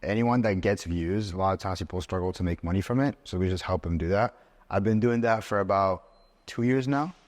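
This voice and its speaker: Very deep-voiced young man chatting loosely. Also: a little fast. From Switzerland. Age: 20s. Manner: rambling, loose, says "like" a lot. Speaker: interview guest. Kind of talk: casual podcast conversation.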